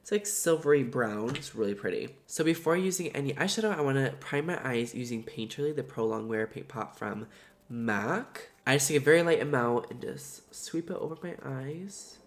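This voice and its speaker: A man's voice: mid-range voice, animated, normal speed. A man with a stuffed-up, nasal voice, chatting in a gushing, slangy way as he reviews makeup in a vlog. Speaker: beauty vlogger.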